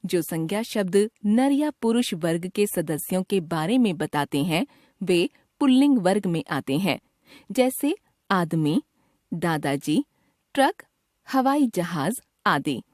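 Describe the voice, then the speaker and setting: A woman narrates a scripted grammar lesson for young learners at an unhurried pace. Her pitch rises and falls with an animated, teacherly lilt. The sound is close and dry, with no room around it. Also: dry recording. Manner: slow, careful enunciation with an expressive teacherly lilt.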